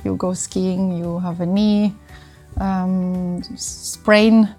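Speaking extremely slowly in a lowish, slightly mellow voice with a level tone, a middle-aged interview guest from northern Italy talks in Italian-accented English. A sports medicine doctor, she explains conversationally and occasionally searches for words, with faint music behind her.

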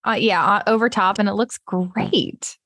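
A woman's voice: mid-range voice, unhurried, fairly bright tone, husky. A woman, around her thirties, co-hosting a podcast in a casual, conversational way. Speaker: podcast co-host. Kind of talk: casual chat.

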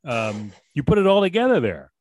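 A man from Boston hosting an interview, asking long, halting questions full of restarts. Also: on the high side, sing-song, dry recording. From Boston, USA. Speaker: radio host.

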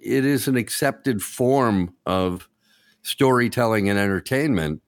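A low-voiced man hosts a casual podcast chat, enthusiastic and joking as he talks. He is recorded close on a dry mic. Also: animated, a little slow, dry recording. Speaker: podcast host.

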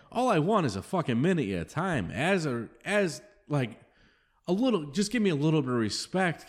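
A man hosting a podcast alone, venting in an angry, profane rant and repeating himself. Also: on the high side. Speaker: podcast host. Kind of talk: solo rant. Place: home studio room.

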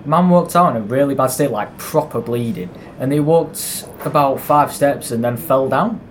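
In an amateur audio drama, a performer plays a male railway worker who gossips and grumbles, sounding uneasy. The delivery is colloquial and conversational, lightly acted, in a mid-range voice at normal speed, with faint background noise and ambience.

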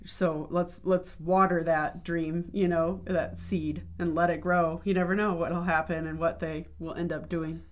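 A podcast host in a casual chat about faith, agreeable and encouraging. The host keeps affirming the guest and is quick to laugh along. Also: mid-range voice, little pitch movement, a little hiss or hum.

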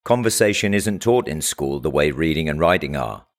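A man hosting a podcast. He reads a scripted intro, then interviews his guest casually, with plain and measured delivery. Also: very deep voice, lively intonation. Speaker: podcast host.

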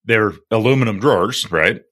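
A plumber who hosts a podcast chats casually, his voice low yet bright and forceful. He rambles through his stories in a halting way, leaning on lots of filler words.

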